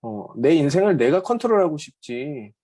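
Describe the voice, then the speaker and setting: A man's voice: fairly high pitch, very animated, normal speed, dark tone. A man teaching a Bible overview lecture in a conversational way, with frequent hesitant fillers. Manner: conversational, often acts out quoted speech.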